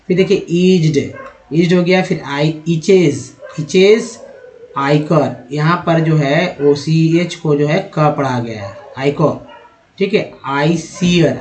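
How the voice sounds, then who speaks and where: A man's voice: a little high, darkish tone. A man teaching English reading, spelling out letters and sounding out words one by one. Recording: echoey room.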